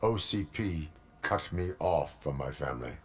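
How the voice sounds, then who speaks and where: An actor playing a stoic male cyborg police officer in a video game, with a smooth, flat android voice and clipped, emotionless delivery. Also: a bass voice, moderate pace.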